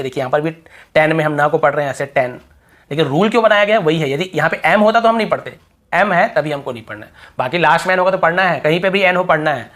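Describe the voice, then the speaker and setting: A man teaching an English lesson who says each example word slowly and several times over, then checks with the listener. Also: a little high, a bit bright. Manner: asks the viewer quick check questions. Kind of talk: spoken language lesson.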